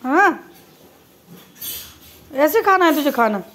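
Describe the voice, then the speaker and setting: High-pitched woman coaxing her pet bird. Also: sing-song, takes it slowly, fairly bright tone. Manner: coaxing, playful baby-talk to a bird, teasing scolding. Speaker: pet vlogger. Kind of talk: casual home video talking to a pet parrot. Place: home.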